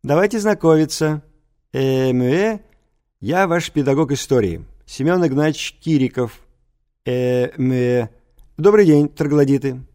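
A man's voice: medium pitch, a little slow, dark tone, voice pushed up, natural voice. A man voicing a good-natured old male history teacher who mumbles, lisps and fills his speech with "uh, er". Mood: sly, polite. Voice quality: mumbling, lisping, full of "uh, er" fillers. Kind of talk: audiobook character voice.

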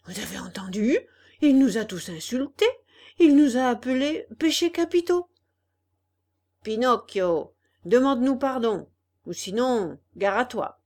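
Storybook bullies, young rowdy schoolboys, loud and threatening, voiced by a woman narrator. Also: fairly high pitch, animated, measured pace.

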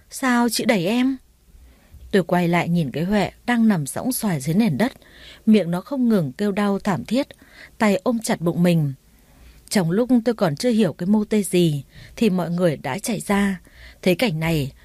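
A woman reading a first-person story aloud in a steady storytelling voice. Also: fairly low pitch, no echo. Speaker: narrator. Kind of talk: audiobook story narration.

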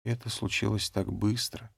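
A man voicing an elderly mother who speaks softly with a trembling voice. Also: on the low side, little pitch movement, normal speed, gravelly, husky, no room sound, studio quality, full character voice. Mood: soft, shaky.

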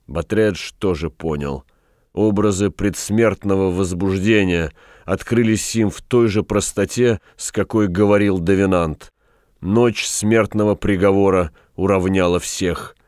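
Deep-voiced man reading a story. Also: a little slow, a little mellow, dry recording, studio quality. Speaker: audiobook reader. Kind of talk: scripted literary narration.

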